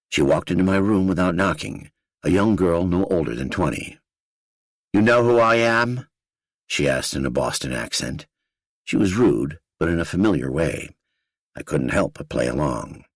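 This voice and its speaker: Very deep, gravelly male narrator. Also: lively intonation, moderate pace, no room sound, studio quality. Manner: blunt, gritty, profane storytelling. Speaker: audiobook narrator. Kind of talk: first-person true crime audiobook narration.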